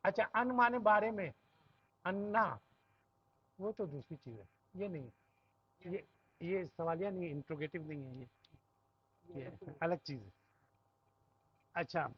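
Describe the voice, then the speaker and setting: High-voiced Pakistani man teaching a class. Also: lively intonation, long pauses, breathy edge, dry recording, highs cut off. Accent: Pakistani Urdu. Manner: explains step by step, asking the class questions and checking with "right?". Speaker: Arabic grammar teacher. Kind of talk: classroom lesson.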